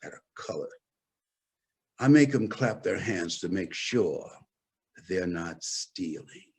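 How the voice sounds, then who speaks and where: Brief: haughty rich employer, cold and commanding, husky tone, as an older male storyteller puts her on. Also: low voice, animated, slow, a little mellow, heavily acted.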